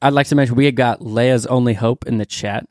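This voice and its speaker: A man co-hosting a casual podcast chat, enthusiastic and rambling as he works through his thoughts. His voice sits at a middle pitch. The sound is dry and close. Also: fairly even intonation, brisk, a little mellow, dry recording. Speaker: podcast co-host.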